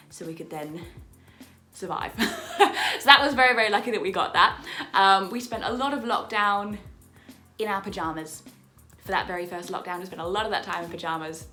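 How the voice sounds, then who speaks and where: A young Australian woman, her accent drifting slightly toward English, chats bubbly to camera from her apartment, laughing a lot and repeating words for emphasis. Her voice sits fairly low and moves quickly, pushed and bright, with faint music in the background. She's a vlogger and musical theatre performer.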